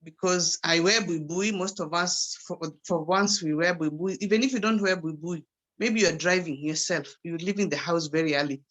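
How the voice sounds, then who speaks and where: Older Kenyan woman, grandmother, guest testimony on a video call, bright forward voice, chatty with restarts. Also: fairly low pitch, moderate pace. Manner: conversational, with frequent restarts. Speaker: guest speaker.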